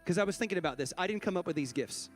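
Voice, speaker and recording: High-voiced pastor running a church raffle. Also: male voice, lively intonation, very fast, soft background music. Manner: playful, joking with the congregation. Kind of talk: church service announcements and raffle. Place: church stage with a congregation.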